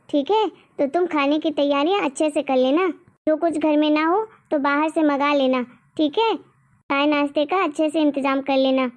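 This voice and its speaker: A woman's voice: high voice, natural voice. A woman voicing a strict, nagging middle-aged mother in a cartoon story, lecturing and scolding. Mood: instructing.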